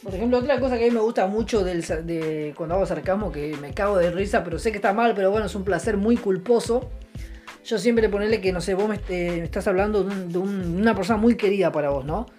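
A man's voice: high voice, quick pace, darkish tone, faint music behind. A young man with an Argentine Rioplatense accent telling a rambling stand-up story with a sarcastic, offhand tone, full of restarts and fillers, chuckling at his own jokes. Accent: Argentine Rioplatense Spanish. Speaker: comedian.

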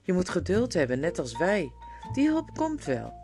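A reader voicing a patient, loyal talking badger who speaks slowly and earnestly, with guitar music underneath. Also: mid-range voice, natural voice. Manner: slow, calm, earnest.

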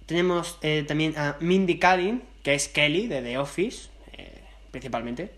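A young man with a slightly raised voice talks in a relaxed, easygoing way. As a podcast co-host he goes through names in casual chat, dropping wry remarks. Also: fairly high pitch, unhurried.

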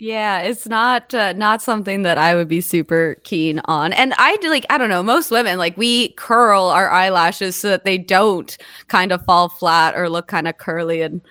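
A young woman co-hosting a weekend radio show, telling stories in relaxed, casual banter and laughing often. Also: lowish voice, normal speed, hardly any pauses, clean tone, dry recording, clean studio sound. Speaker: radio co-host.

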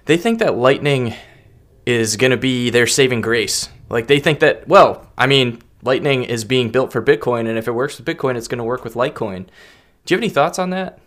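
A man hosting a casual podcast, relaxed and agreeable as he puts questions to his guest. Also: mid-range voice, normal speed. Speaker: podcast host.

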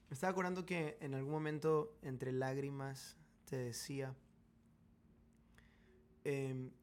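A man's voice: mid-range voice, a little mellow, a little hiss or hum. A man in a casual faith podcast chat, thinking aloud with many fillers and asides. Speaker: co-host.

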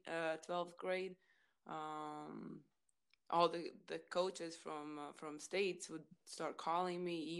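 Low, clear-voiced woman with a Latvian accent. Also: fairly bright tone. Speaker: interview guest, former college basketball player. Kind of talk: casual interview chat.

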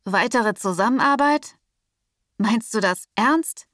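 A woman's voice: fairly high pitch, expressive, slow, dry recording, studio quality. Woman putting on a brash, crude young male dealer. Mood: wary. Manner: crude street slang, snapping and loud. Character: suspicious, hot-tempered young male dealer.

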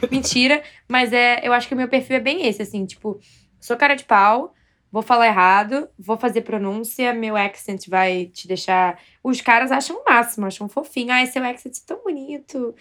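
A woman's voice: on the high side, moderate pace, fairly bright tone. A Brazilian woman co-hosting a casual podcast, telling stories in a bold, self-mocking way. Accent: Brazilian Portuguese. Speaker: podcast co-host.

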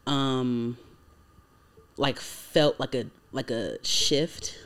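A woman's voice: rumbling low, fairly even intonation, drawn-out words. A woman in her twenties co-hosting a casual podcast, talking in a loose, rambling way full of likes and ums. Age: 20s. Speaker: podcast co-host.

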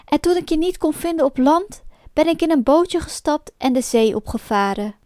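A woman voicing an old, gentle woodcarver father in a storybook reading, speaking warmly and emotionally. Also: high voice, animated, moderate pace, no room sound, studio quality, voice pushed up. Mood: earnest. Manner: warm, emotional.

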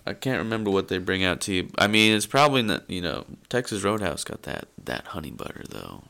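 A man's voice: low-pitched, big pitch swings, fairly quick, creaky, bright, forceful tone. A young man co-hosting a podcast, chatting in a laid-back, joking and profane way. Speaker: podcast co-host. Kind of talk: casual chat.

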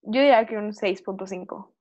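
A woman's voice: mid-range voice, fairly quick, a little mellow. A woman with a Mexican accent chatting casually and informally as a podcast guest, with plenty of slang, in a slightly lo-fi recording.

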